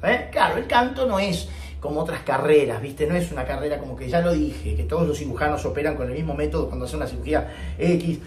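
A man giving an online singing lesson in a chatty, joking, animated way. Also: on the high side, fast talker. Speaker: singing teacher. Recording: echoey room, faint ambient noise.

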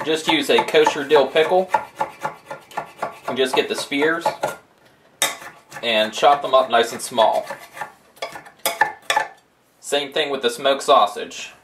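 A middle-aged man hosting a cooking show, calmly giving step-by-step recipe instructions in a home kitchen. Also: medium pitch, slow pace, long pauses, noisy background.

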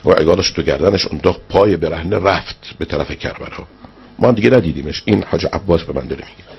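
A man preaching and telling a religious story, acting out the people in it with big swings in his voice. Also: vocal fry. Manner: animated storyteller, acts out quoted speech with big pitch swings.

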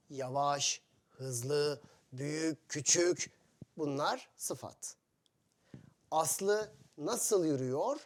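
A man teaching a lesson for foreign learners, speaking in short, simple phrases and repeating each example. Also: on the high side. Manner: slow, simple phrasing with many repetitions and questions to learners. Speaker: Turkish teacher.

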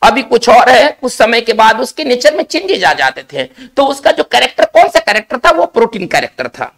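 Lively gravelly-voiced male teacher. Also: very high voice. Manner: explains slowly in Hindi, often checks with "isn't it?". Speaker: English vocabulary teacher. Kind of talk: recorded spelling and vocabulary lesson.

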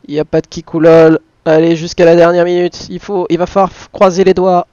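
A man with a high voice commentates a flight simulator session as the pilot. He mutters to himself between radio calls. The sound is close and dry, slightly dull. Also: little pitch movement, fairly quick, darkish tone, smooth, dry recording. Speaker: flight simulator streamer playing airline pilot. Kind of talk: live commentary mixed with aviation radio calls.

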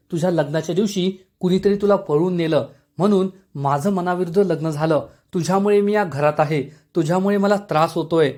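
Guy reading as a bitter young sister, blaming and sharp. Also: a little high, natural voice. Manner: accusing, sharp.

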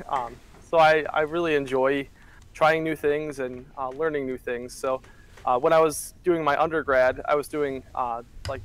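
Heard through a webcam on a video call from a small office, a young man in his twenties who works in church media chats easily through an interview, dropping many fillers. His pitch is medium, and the recording quality is low.

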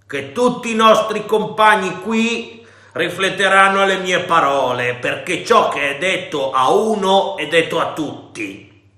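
A raging old one-legged pirate captain, as a man reads him out, snarling and shouting threats. The voice climbs high and rings bright. It sounds from a roomy space. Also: unhurried. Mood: sly threatening.

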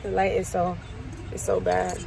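A woman's voice: fairly low pitch, completely flat delivery, normal speed, gravelly, noisy background. A woman in her twenties chatting casually in a vlog, playful and laughing a lot. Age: 20s. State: out of breath. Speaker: vlogger. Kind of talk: casual chat.

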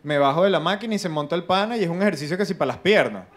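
High-voiced Venezuelan comedian man on stage. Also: very fast. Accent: Venezuelan Spanish. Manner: animated, acts out other people's voices. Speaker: stand-up comedian. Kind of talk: stand-up comedy routine. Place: live comedy stage with audience.

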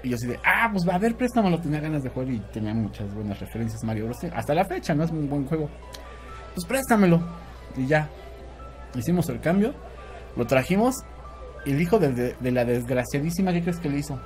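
A Mexican man hosting a casual podcast, telling stories in an animated way, laughing often and swearing freely. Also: on the high side, brisk, soft background music. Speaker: podcast host. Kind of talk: casual storytelling chat.

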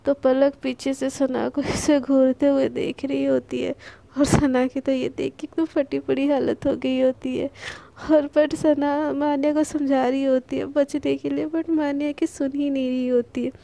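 A woman's voice: high-pitched, level tone, unhurried, vocal fry, dark tone. A woman storyteller narrating a love story in a chatty way, talking straight to her listeners. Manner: chatty, addresses listeners directly.

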